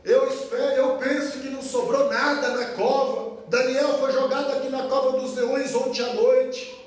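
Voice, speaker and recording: A Brazilian man voicing a grieving king, mournful and pleading, in a slow, low, hushed voice. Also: little pitch movement. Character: grieving old king, fearful and sorrowful. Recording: echoey church hall, mic far off.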